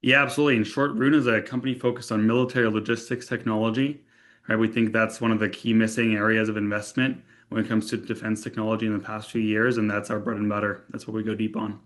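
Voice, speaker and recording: A young Austrian man, co-founder of a tech company, appears as a guest in a casual podcast interview. He talks fast in a lowish, fairly bright voice with little pitch movement, thinking things through conversationally with many fillers and restarts.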